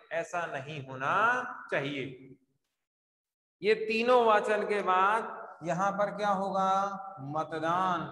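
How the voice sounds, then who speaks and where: A man's voice: high-pitched, pushed and bright. A male teacher giving a live online class, repeatedly asking his students questions and answering them himself as he writes on a board. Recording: echoey room with long reverb.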